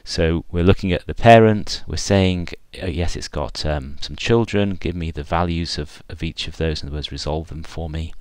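A man giving an unscripted screencast walkthrough of software, thinking aloud with frequent fillers and restarts. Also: low-pitched, normal speed, hardly any pauses, clean tone, no room sound.

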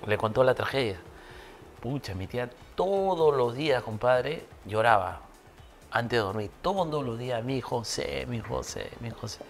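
A middle-aged man with a Peruvian accent, a former footballer telling stories in a casual chat and acting out the voices of the people in them. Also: medium pitch. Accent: Peruvian Spanish. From Peru. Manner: animated storyteller who acts out voices and laughs.

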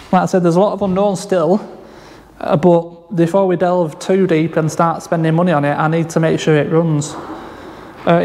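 A man's voice: a little high, a little mellow. Rambling man in an echoey workshop. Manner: rambling, hesitant, with many fillers and restarts. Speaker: car salvage vlogger. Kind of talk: casual walkaround commentary. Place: large workshop garage.

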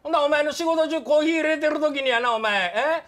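Guy doing a pushy kansai café customer, really high-pitched voice, keeps threatening the staff. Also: fast talker, fairly bright tone. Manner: blustering, threatening, keeps saying "you". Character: loud bullying middle-aged male café customer. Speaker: comedian. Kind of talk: comedy sketch.

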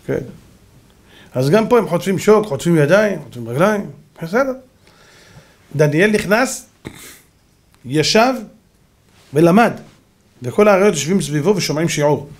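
A rabbi giving a lively sermon, telling stories and acting out the characters with shouts. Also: male voice, on the high side. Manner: animated, acts out voices and shouts in stories. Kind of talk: sermon with dramatic storytelling.

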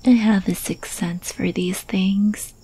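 A woman in a whispered role-play, playing an obsessively lovestruck thief who teases and coaxes her captive in a breathy, possessive whisper. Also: mid-range voice, steady tone, dark tone, low-quality recording. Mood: soothing, tender. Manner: slow, breathy, coaxing whisper with pet names. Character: infamous female thief, obsessively lovestruck, teasing and possessive kidnapper.

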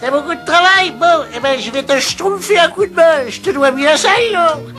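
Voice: high-pitched, lively intonation, normal speed, music in the background. A performer in a French cartoon dub voicing a clumsy, eager, overgrateful little male creature with a hesitant, stammering delivery. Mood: cheerfully helpful. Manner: hesitant, stammering, insistently helpful.

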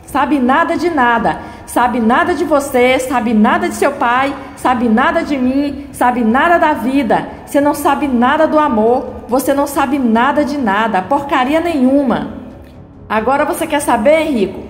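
Woman reading furious jilted bride, high voice, echoey room, faint music. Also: normal speed, slight background noise, natural voice. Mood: indignant. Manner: read-out dialogue with mild emphasis.

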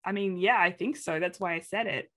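A woman with an Australian accent giving a webinar presentation over a webcam video call, animated and acting out quoted reactions in different voices. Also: fairly low pitch, fairly quick. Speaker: presenter of an inclusion talk.

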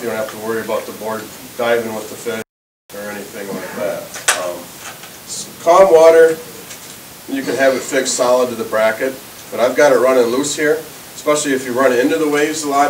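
A man's voice: medium pitch, recorded from a distance. A man in his thirties walks through how his fishing gear works, explaining step by step and often restarting his sentences. His voice carries a roomy echo, picked up from a camera across the shop with a faint hiss underneath. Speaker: fishing tackle presenter. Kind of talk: casual product demonstration. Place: indoor tackle shop.

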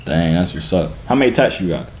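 A man in his early twenties with an American accent and a deep, booming voice, chatting in a laid-back, slangy, teasing way. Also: big pitch swings, brisk, a little hiss or hum. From New York, United States. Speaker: vlogger hosting a random video-chat prank. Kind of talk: casual flirtatious chat. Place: garage-like home gym, indoors.

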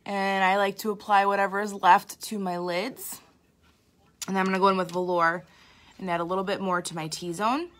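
A woman's voice: medium pitch, a bit bright. A young woman makeup artist giving a casual live tutorial, chatty and candid, with a tired, sleepy voice. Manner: chatty, candid, self-deprecating, lots of fillers.

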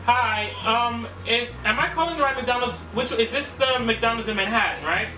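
Deadpan man as oblivious new employee, roomy. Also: very high voice, moderate pace. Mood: earnest, insistent. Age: young adult. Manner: deadpan, rambling. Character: insistent, oblivious new fast-food employee named Christine. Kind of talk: improvised prank phone call. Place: small living room. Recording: roomy, distant camera sound, music.

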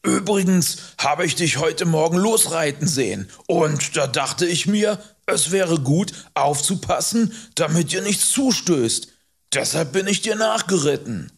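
A gruff, scornful hunter in an audiobook, harsh and mocking, raised somewhat above the reader's own pitch and delivered loud, as a male narrator puts him on. A gravelly, husky edge runs under every line, and the pace is slow and heavy. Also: animated, heavily acted. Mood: sly. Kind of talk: audiobook character voice.

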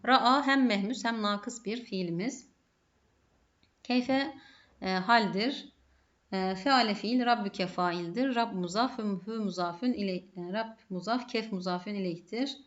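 Turkish lady teaching grammar slow and steady, asks and answers herself, kinda muffled audio. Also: medium pitch. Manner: methodical, poses and answers her own questions. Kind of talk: grammar lesson.

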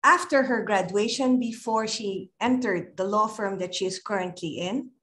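A woman's voice: medium pitch, a bit bright. An older woman, hosting a webinar and reading a formal, proud introduction of the speaker over a video call. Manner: measured, proud, ceremonial. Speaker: webinar host. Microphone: computer mic on a video call.

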